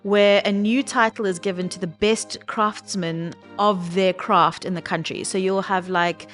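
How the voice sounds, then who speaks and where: A woman's voice: mid-range voice, steady tone, unhurried, a bit bright, soft background music. A woman hosting a podcast, chatting casually and recounting stories in an informal, conversational way. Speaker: podcast host.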